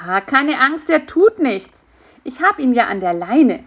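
A woman's voice: high voice, big pitch swings, moderate pace, voice pushed up. A woman voicing a cheerful, cheeky male fly who keeps reassuring his friend in a children's story. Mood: encouraging.

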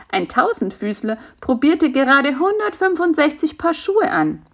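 A woman narrating a children's storybook in an even, gentle reading voice. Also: mid-range voice.

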